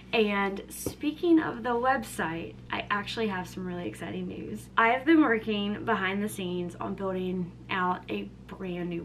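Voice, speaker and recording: Speaking in a fairly high, bright and forceful voice, the young vlogger keeps her kitchen chat relaxed and cheerful, packed with fillers. The close-up camera picks up a little hiss or hum.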